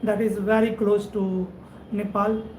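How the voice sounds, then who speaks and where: On a live stream, a networking instructor and channel host from Madhubani, Bihar, in India, reads out viewer comments and warmly thanks people one at a time. He has an Indian English accent and a fairly high voice, speaking at a measured pace in a steady, flat tone, repeating his thanks and often adding "right?" There's a roomy echo on his voice and faint background noise underneath.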